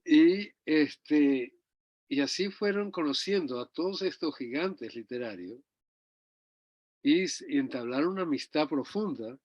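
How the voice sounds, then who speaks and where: A man's voice: a little high, expressive, measured pace, dry recording. Older man reminiscing in a dull, dry recording. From Chile. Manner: rambling, warm storytelling with tag questions. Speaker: interview guest. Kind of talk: reminiscing conversation.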